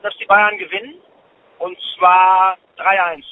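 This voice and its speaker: A man's voice: high-pitched, level tone, a little slow, bright, forceful tone, no room sound, poor audio. A man giving an interview as a football expert, explaining confidently. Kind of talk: interview answers.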